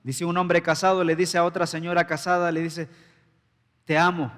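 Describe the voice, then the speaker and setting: A male pastor delivers an emphatic sermon, firing rhetorical questions at his congregation. His voice sits a little high for a man. The sound carries a long church-hall reverb. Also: flat delivery, a little fast, fairly bright tone. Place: church sanctuary.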